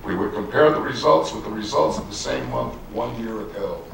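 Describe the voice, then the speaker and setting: Gravelly man giving a speech in echoey hall. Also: on the low side, fairly bright tone. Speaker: village board candidate. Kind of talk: prepared closing statement at a public forum. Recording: very echoey hall, distant mic, faint noise.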